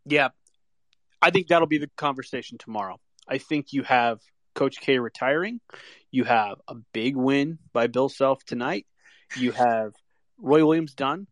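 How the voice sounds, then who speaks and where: A man's voice: mid-range voice, unhurried, no echo. An American man co-hosting a live audio chat with casual sports talk.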